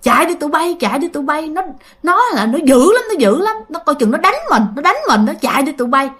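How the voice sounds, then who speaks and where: A woman's voice: high voice, lively intonation, quick pace, fairly bright tone, voice pushed up. A woman voicing a frightened female ghost warning the others to run, in a Southern Vietnamese accent. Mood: alarmed.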